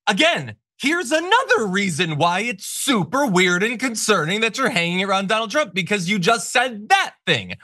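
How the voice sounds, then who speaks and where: A male political host with a bright, forceful and fairly high voice that swings widely in pitch. He comments on the news with emphatic indignation and sarcasm, recorded close and dry. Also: sing-song, moderate pace, no echo. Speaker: political talk show host.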